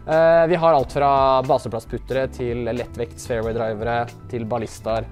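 A man on a disc golf store's staff, presenting the stock in a casual, relaxed and enthusiastic way, with lots of slang and fillers. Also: medium pitch, soft background music. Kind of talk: casual product walkthrough.

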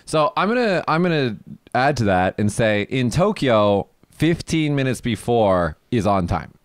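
A man's voice: medium pitch, sing-song, measured pace, no room sound, clean studio sound. A man co-hosting a casual chat show, explaining things to listeners and laughing often. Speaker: podcast co-host.

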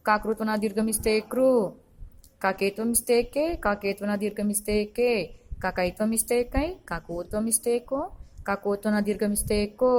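A woman teaching first graders in a recorded lesson. She is patient, repeats every instruction and keeps checking that the children understand. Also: mid-range voice. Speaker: primary school teacher.

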